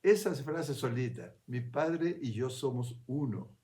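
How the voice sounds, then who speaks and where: This spiritual speaker talks reflectively in an easygoing, unhurried manner, often checking in with the listener and restarting phrases as he thinks out loud. His mid-range voice is mellow yet animated.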